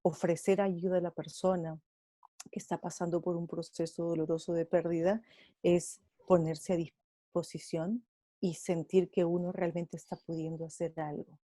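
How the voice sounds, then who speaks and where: A woman's voice: lowish voice, little pitch movement, moderate pace, dark tone, dry recording. A woman with a Peruvian Spanish accent speaking as a guest on an online panel, explaining patiently and acting out quoted dialogue.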